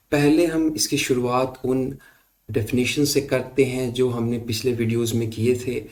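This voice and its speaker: Slow, measured male lecturer. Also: medium pitch, darkish tone. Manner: measured, explanatory, mixes English terms into Hindi; reads verse slowly with stressed beats. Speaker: literature lecturer. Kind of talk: recorded lecture.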